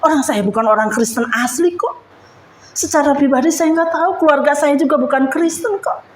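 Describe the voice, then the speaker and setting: A woman's voice: high voice, fairly quick, reverberant. A woman giving an emotional church testimony, speaking fervently and addressing the congregation directly.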